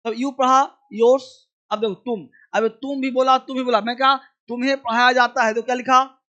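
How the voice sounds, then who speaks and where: A man teaching English in a live online lesson, drilling phrases with repetition and urging viewers to answer fast. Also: very high-pitched, level tone, sharp tone, highs cut off.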